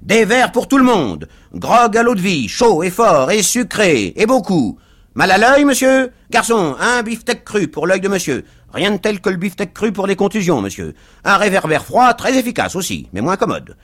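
A brash, voluble young stranger firing off short, choppy phrases, his voice raised high and loud, as a man puts him on. He commands waiters and crowds alike with a lively, bouncing delivery, in a radio story reading. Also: heavily acted. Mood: bossy. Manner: rapid clipped broken phrases, commanding.

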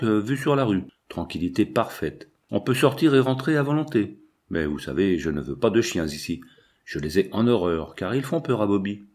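A man's voice: on the low side, a little mellow, natural voice. A man voicing a fat, heavily made-up older landlady who chatters fussily and dotes on her pet. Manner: chatty, fussy, doting. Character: fat, painted older woman landlady, gushing.

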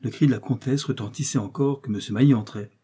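A man narrating a classic story as an audiobook reader, in a steady storytelling manner. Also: mid-range voice, fast, husky.

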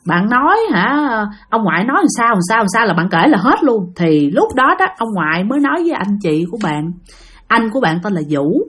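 A woman's voice: medium pitch, sing-song, a little fast, a bit bright, husky. A woman telling a ghost story in a chatty way, speaking to her listeners directly. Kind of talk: casual ghost-story narration.

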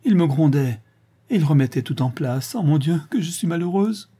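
A man voicing an eager, tearful young farm girl in an audiobook, with a high pleading voice. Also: normal speed, warm tone, slightly rough, close to an everyday voice. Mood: sobbing, pleading.

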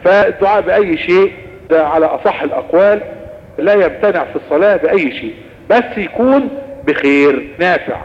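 A man with an Egyptian Arabic accent giving a lively religious lesson on Islamic jurisprudence, explaining and answering questions. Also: high-pitched, a little fast, long reverb tail, highs cut off.

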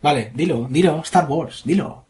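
A man's voice: fairly high pitch, normal speed, a little mellow. Crude, jokey man. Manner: crude, jokey, reads comments aloud. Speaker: podcast host reading listener comments. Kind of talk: casual podcast banter.

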